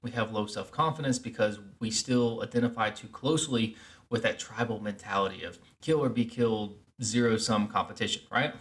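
A man's voice: on the low side, fairly quick, a bit bright. A man hosting a podcast, giving an earnest, explanatory self-help monologue. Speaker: podcast host.

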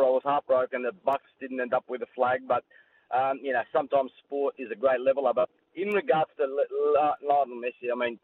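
An Australian man phoning a radio show, chatting casually and haltingly, often repeating words. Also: mid-range voice. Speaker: radio phone-in caller. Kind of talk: casual chat. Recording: noisy narrowband phone call from the road.

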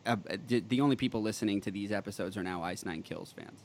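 A man's voice: on the low side, fast talker, no room sound. Chill guy hosting a podcast, laughs easy, dry close sound. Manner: easygoing, laughs often, short replies. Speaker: podcast host, musician. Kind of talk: casual chat.

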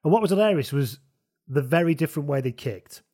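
A man co-hosting a podcast, chatting casually and telling wry, animated anecdotes. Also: on the high side, quick pace. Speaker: podcast co-host. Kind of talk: casual sports chat.

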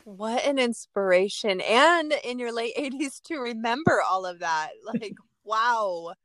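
An enthusiastic woman hosts a podcast interview, quick to react to her guest. Her voice sits a little high, recorded close and dry with no room sound. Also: animated, fairly bright tone, no echo. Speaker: podcast host.

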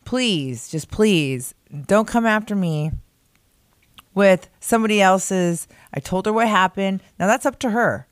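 An American woman co-hosts a daily video show, chatting casually in a candid, talkative way with a slight grumble. Her voice is medium-pitched and expressive at a measured pace, captured on a meeting room mic in a conference room, yet the audio sounds studio quality with no room sound.

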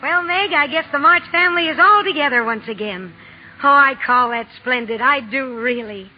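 An actress in a 1940s radio drama playing a blunt, spirited young tomboy who wants to write, with an emphatic, plain-spoken way. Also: female voice, high-pitched, normal speed, lightly acted. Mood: bossy, teasing. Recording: old lo-fi radio recording, music behind.

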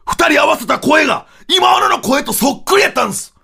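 A man with a Kansai accent telling an absurd comic story in a loud, animated, mock-dramatic way. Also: extremely high pitch, fairly quick, gravelly. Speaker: comedian storyteller.

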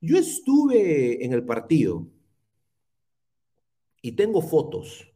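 A man's voice: fairly high pitch, wildly swooping pitch, takes it slowly, warm tone. A man with a Peruvian Spanish accent hosting a casual livestream, talking in a sarcastic, rambling, teasing way. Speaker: podcast host.

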